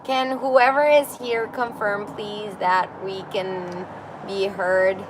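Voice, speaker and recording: A livestream host sits on her apartment balcony next to a busy street, chatting, giggling, and reading comments aloud. She has a medium-pitched voice with fairly even intonation and speaks slowly. Traffic and outdoor street noise fill the background.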